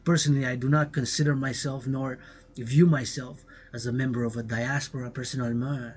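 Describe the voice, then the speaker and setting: In a mid-range, slightly mellow voice with a level tone and moderate pace, this man from Quebec delivers a bilingual, rambling livestream monologue. The vlogger, with his Québécois accent, switches between French and English, repeats himself and bursts into song.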